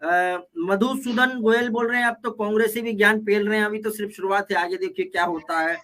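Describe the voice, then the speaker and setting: A man's voice: sits high, fairly even intonation, brisk, sharp tone. A man on a live political panel debate, reading out viewer comments one after another and arguing back with quips. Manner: reads comments aloud, argues with quips.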